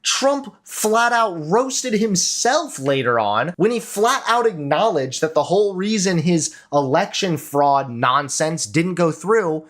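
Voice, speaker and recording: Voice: mid-range voice, animated, takes it slowly, hardly any pauses. A commentator reading a scripted political voice-over in a sarcastic, mocking manner.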